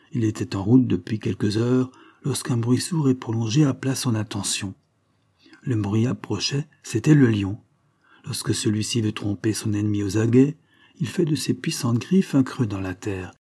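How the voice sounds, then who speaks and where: Husky, low-voiced male narrator. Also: dark tone. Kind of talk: scripted audiobook narration.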